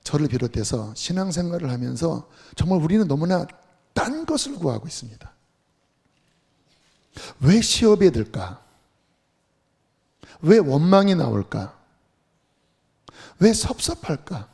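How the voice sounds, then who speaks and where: A man preaching a sermon as pastor, lively and earnest, sometimes dropping to a whisper. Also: on the high side, a little slow, gravelly, long pauses, husky. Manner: animated preaching, drops to soft whispers for prayers. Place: church sanctuary.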